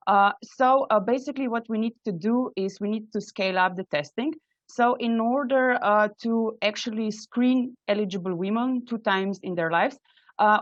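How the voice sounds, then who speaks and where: A woman presents to an online audience, earnest and full of halting "uh" fillers. Her voice sits at a middle pitch. The sound is dull and dry, like a computer mic on a video call. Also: no echo. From Slovenia. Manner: earnest, many hesitant "uh" fillers. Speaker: invited speaker, microbiology trainee. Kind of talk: webinar presentation. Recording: dull, dry webinar audio.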